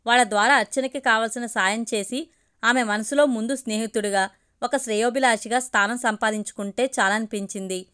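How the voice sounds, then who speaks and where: A woman reading a serialized story aloud in steady, measured narration. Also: fairly high pitch, clear, resonant tone.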